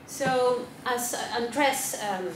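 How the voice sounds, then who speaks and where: Chilean woman, native Spanish speaker, academic panelist, halting delivery full of fillers, echoey hall recording. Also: on the high side, noisy background. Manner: hesitant, many fillers and restarts. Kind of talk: symposium presentation. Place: conference room.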